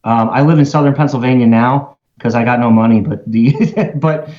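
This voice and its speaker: A man's voice: mid-range voice, normal speed, a little mellow. Man, from Baltimore, casual podcast chat, rambling storyteller, slightly muffled audio. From Baltimore, USA. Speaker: podcast guest, musician.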